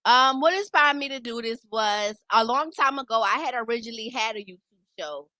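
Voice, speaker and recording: A woman's voice: on the high side, lively intonation, brisk, pushed and bright, dry recording. A woman hosting a radio show, talking in a casual, conversational interview style.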